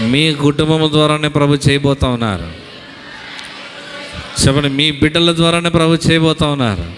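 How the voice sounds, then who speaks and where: A man preaching a sermon to a congregation as their pastor, calling on them to repeat lines aloud. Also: mid-range voice. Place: church hall. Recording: long hall reverb.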